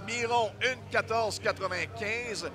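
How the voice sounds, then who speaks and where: A man's voice: high-pitched, takes it slowly. A Québécois man giving live motorsport commentary, analysing the race and reading out lap times. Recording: very noisy outdoor racetrack, engines behind.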